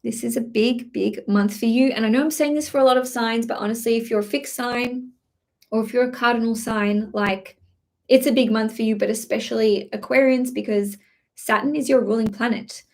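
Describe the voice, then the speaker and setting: A woman reads horoscopes on a live stream as an astrology reader, chatty and full of fillers and restarts, with a slight cough and some throat clearing. Her voice is on the high side, steady and brisk.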